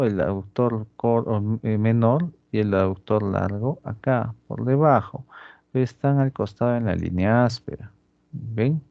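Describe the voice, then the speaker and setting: A man teaching anatomy over a dissection in a slow, deliberate way, constantly checking that the students follow. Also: mid-range voice, creaky, no room sound, muffled recording. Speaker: anatomy instructor. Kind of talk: lecturing during a dissection demonstration.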